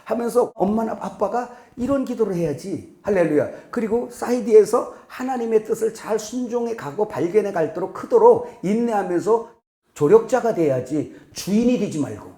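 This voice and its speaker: With a high-sitting, expressive voice at a moderate pace, a middle-aged male pastor gives a conversational sermon in a church sanctuary. He questions the congregation and now and then breaks into loud, sharp impressions of parents scolding, all in roomy-sounding audio.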